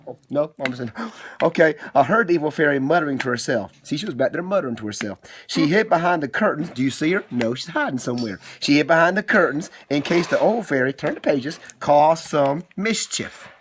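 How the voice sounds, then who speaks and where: A middle-aged father reads a bedtime-style story to his child in an animated, somewhat high voice at a brisk pace. He's theatrical and teasing, often breaking off for playful asides in this homemade storytime. Slight background noise can be heard.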